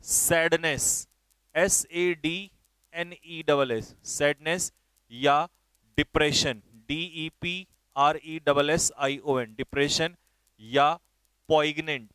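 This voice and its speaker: Brisk, directive male teacher. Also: fairly high pitch, a bit bright, clean tone, no room sound. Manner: brisk and directive, spells words letter by letter. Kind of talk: online vocabulary class.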